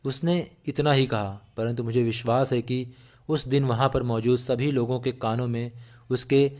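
A man reading a self-help audiobook aloud in a steady, earnest way, with small slips and restarts. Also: mid-range voice, normal speed. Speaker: audiobook narrator. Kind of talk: scripted audiobook narration.

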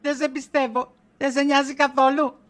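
A woman's voice: sits high, level tone, natural voice. A woman playing a middle-aged wife in a comedy sketch, insistent and accusing as she nags her husband. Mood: jealous.

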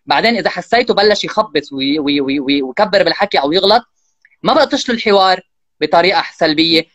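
A man's voice: sits high, dry recording, muffled recording. A man, a parenting guest in an interview, explaining at speed and acting out what parents and children say. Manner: fast, animated, acts out parent and child lines. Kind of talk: casual explanatory interview talk.

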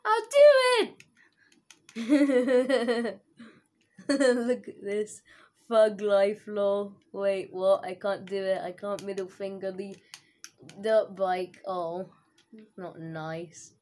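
A woman's voice: mid-range voice, fairly even intonation, slow pace, warm tone. A woman giving casual, giggly commentary over her own gameplay, laughing often and dropping internet slang. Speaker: gaming video host.

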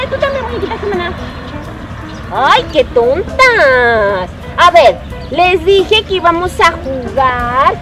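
A woman with a Mexican accent playing a bossy, motherly lead doll who coaxes and scolds the others. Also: very high-pitched. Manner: scolding, coaxing, playful. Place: outdoor park show. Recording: loud music and crowd outdoors.

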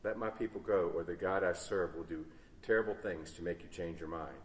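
A man's voice: deep voice, a little fast, natural voice. A man reading aloud voices Moses, pleading in a raised, insistent voice, in an echoey church from a distant mic. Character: reluctant, earnest adult man Moses pleading.

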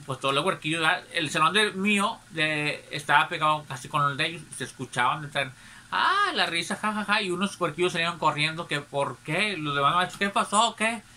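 A man's voice: fairly high pitch, pushed and bright, a little hiss or hum. A man with a Mexican accent telling a personal anecdote in a casual, gossipy way, constantly tagging his phrases with little questioning asides. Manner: chatty, tags nearly every phrase with a questioning aside. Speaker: storyteller.

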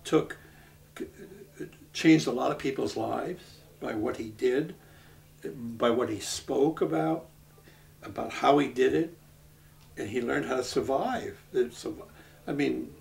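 A man, from Brooklyn, speaking earnestly in a documentary interview, halting with many restarts. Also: medium pitch, creaky, darkish tone. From Brooklyn, New York. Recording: voice from a distance off the mic.

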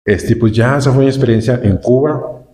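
A man's voice: mid-range voice, moderate pace, dark tone. A man from Nuevo León with a northern Mexican accent, casually telling a travel story in a rambling way, repeating words and using many fillers. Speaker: vlogger recounting a trip.

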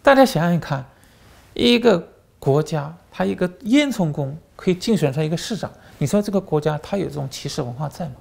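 Slightly fast and creaky, with a fairly high pitch and a somewhat mellow quality, a man runs through a political commentary monologue on his channel. He's a former journalist who tells stories animatedly, leaning on fillers and repeating words.

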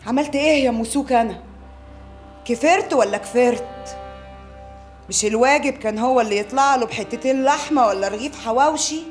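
A woman's voice: fairly high pitch, brisk, faint music behind, natural voice. An actress playing a bitter, defiant young wife complaining indignantly about her husband.

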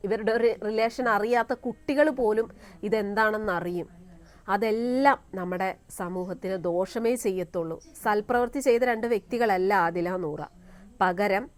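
A woman giving a scornful opinion commentary on her vlog, firing rhetorical questions and filling pauses with "aa" and "eh". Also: mid-range voice, darkish tone. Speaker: vlogger.

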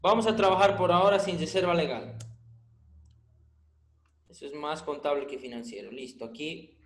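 A man's voice: fairly high pitch, normal speed. A man teaching a finance class online, quizzing students by name and teasing them with dry jokes when they stay silent. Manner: questioning, teasing humor. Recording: roomy echo.

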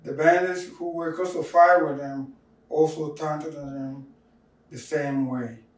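A man reading scripture aloud in a slow, measured, solemn way at a church service. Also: a little high, fairly even intonation. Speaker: scripture reader. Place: church sanctuary. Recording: echoey church from far off.

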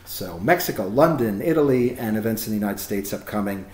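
A man's voice: lowish voice, brisk, a little hiss or hum. Enthusiastic man in an echoey room. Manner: animated and expansive, rising emphasis. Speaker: guest, film location tour organizer. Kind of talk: enthusiastic interview talk.

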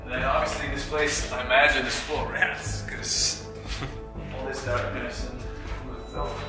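A man's voice: medium pitch, level tone, moderate pace, reverberant, loud music behind the voice. A man exploring an abandoned palace with a friend, chatting casually and marveling at what he sees. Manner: enthusiastic, marveling. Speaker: travel companion. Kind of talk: casual chat. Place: abandoned palace, large empty stone rooms.

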